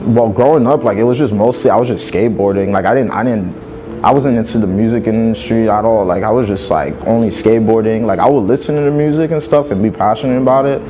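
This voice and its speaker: A man's voice: fairly low pitch, quick pace, noisy background. A man in his twenties from Saint Martin, a music manager and show promoter, talking casually in an interview and filling his speech with "like". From Saint Martin, French side. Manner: laid-back, peppers speech with "like".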